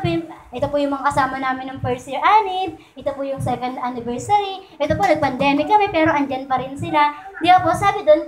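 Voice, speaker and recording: Woman preacher, high voice, conversational Taglish sermon, echoey church room with faint noise. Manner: conversational, asks "di ba po?" often. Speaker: church speaker.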